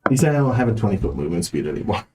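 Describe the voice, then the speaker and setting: A man's voice: on the low side, sing-song, racing, noisy background. A man chatting casually as a player in a tabletop role-playing game.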